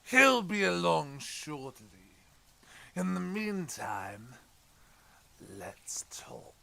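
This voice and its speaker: A man playing the Joker as an unhinged, anguished and menacing clown villain in an audio drama, theatrical, swinging between hushed brooding and shouting. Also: on the high side, very animated, very slow, creaky, slight background noise, heavily acted. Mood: sly calm.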